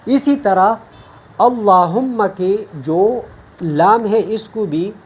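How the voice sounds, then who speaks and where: A woman's voice: medium pitch, darkish tone, husky. A woman from Pakistan teaching Quran recitation in an online lesson, explaining each rule patiently, step by step.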